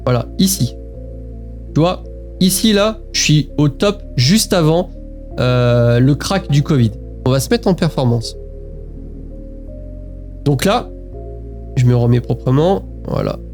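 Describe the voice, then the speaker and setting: A man's voice: fairly high pitch, animated, slow pace, long pauses, a little mellow, faint music behind. A man talking casually and directly to the viewer about his investing, walking through charts with frequent hesitations. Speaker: investing vlogger. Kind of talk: casual talk to camera while screen-sharing charts.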